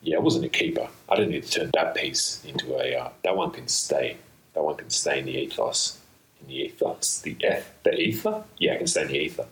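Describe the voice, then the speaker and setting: Thinking aloud on his own, a deep-voiced podcast host delivers a loose, playful solo monologue full of slangy, wandering phrasing. He sounds animated, fairly quick and a bit bright. By mistake he recorded on his laptop's built-in mic instead of the studio one, so the sound is roomy.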